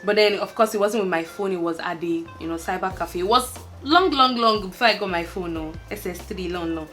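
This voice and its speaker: Speaking briskly in a mid-range, fairly bright voice, this young Lagos vlogger with a Nigerian accent works through a tag list in a casual chat to camera. She laughs, lets sentences trail off into fillers, and soft music plays behind her.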